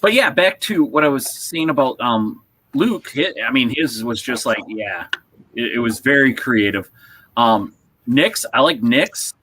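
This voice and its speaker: A man's voice: medium pitch, lively intonation, fairly bright tone, rough recording. A man co-hosting a hobby podcast, chatting casually and rambling with lots of restarts. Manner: rambling, halting with many restarts. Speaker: podcast co-host. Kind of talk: casual chat.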